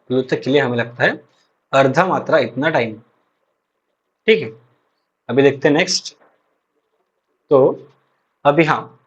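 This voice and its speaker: Man, lecture voice, husky, muffled lo-fi sound. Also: medium pitch. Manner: explains slowly with many repetitions and check-ins. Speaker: teacher. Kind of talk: exam-prep lecture. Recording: dull lo-fi recording.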